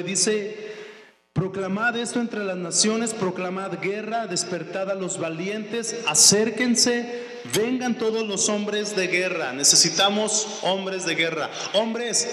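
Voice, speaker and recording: A man preaches in a bright, high voice, slow and deliberate. He builds to fervent call-and-response shouts and slips in jokes. The sound rings through a roomy hall with a long reverb. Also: a little hiss or hum. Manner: jokey asides with filler "¿verdad?". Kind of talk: church teaching on evangelism. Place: church hall. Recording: echoey hall.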